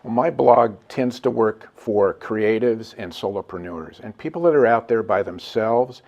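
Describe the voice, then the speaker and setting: A man's voice: on the low side, a little slow, a little mellow. Earnest man telling a story, lo-fi sound. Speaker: guest. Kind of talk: casual storytelling.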